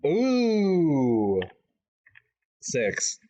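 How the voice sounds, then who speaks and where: A man plays a tabletop game from a video call, slow and unhurried, often confused by the game. His pitch swings widely and sits a little high. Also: huge pitch swings, mellow. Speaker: player. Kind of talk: tabletop role-play chat.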